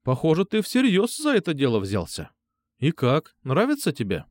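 Reading an audiobook, a man uses a raised voice pitched above his own to play a caring, chatty middle-aged mother. His delivery sits on the high side with huge pitch swings at normal speed, recorded dry in studio quality.

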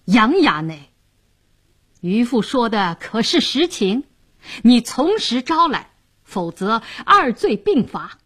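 A woman's voice: on the high side, very animated, a bit bright, husky, exaggerated voice. A woman doing a stern upright magistrate. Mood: commanding. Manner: measured, stern, commanding. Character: stern upright male magistrate, calm and dignified.

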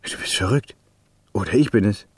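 A man's voice: lowish voice, expressive, normal speed, darkish tone, husky, no room sound. An actor playing a shady male computer crook who evades his virtual lover's questions, in a radio play. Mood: stunned. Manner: evasive, defensive, placating.

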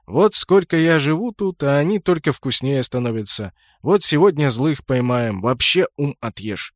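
A man's voice: medium pitch, expressive, moderate pace, no echo, clean studio sound, natural voice. A man voicing a tall male outpost guard who speaks in a plain, matter-of-fact way. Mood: gruff. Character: tall grown male outpost guard, suspicious but friendly.

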